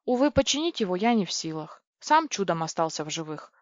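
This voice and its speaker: A woman's voice: on the low side, very animated, a little fast, dry recording. A woman reading a storybook voices a male crocodile-spider alien scout who speaks courteously, formally and precisely. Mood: polite. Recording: dry, dull lo-fi recording.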